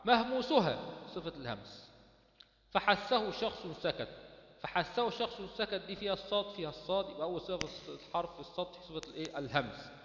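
A man's voice: fairly high pitch, a bit bright, roomy sound, in a large hall, lo-fi sound. A man with an Egyptian accent teaching Quran recitation rules, quizzing his students with questions and answering them himself. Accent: Egyptian Arabic. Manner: drills students with rhetorical questions. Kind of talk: explaining tajweed rules.

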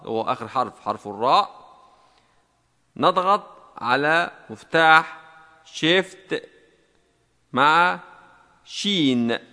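A man teaching a typing lesson step by step, slow and deliberate, repeating each key combination. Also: medium pitch, pushed and bright, big-room sound.

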